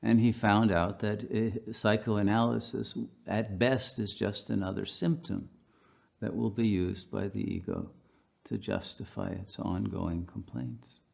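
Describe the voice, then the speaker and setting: Male pastor, sermon, very slow pace, fillers, storytelling. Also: fairly low pitch, fairly even intonation, gravelly. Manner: unhurried storytelling with frequent fillers.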